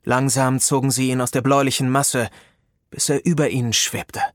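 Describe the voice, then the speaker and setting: A man reading a fantasy story aloud in a measured, unhurried way. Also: medium pitch, little pitch movement, no echo, clean studio sound. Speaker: audiobook narrator. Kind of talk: scripted narration.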